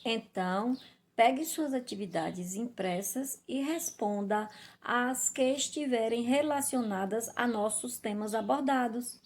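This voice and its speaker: Brazilian female teacher, fairly high voice, kindly addresses children, video lesson wrap-up. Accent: Brazilian Portuguese. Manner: warm, addressing children directly.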